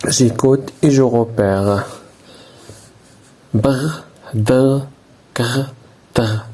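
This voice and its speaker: A man teaching a primary school lesson. He speaks slowly and deliberately, repeating each word and breaking it into syllables. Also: mid-range voice, dark tone. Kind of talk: slow classroom lesson.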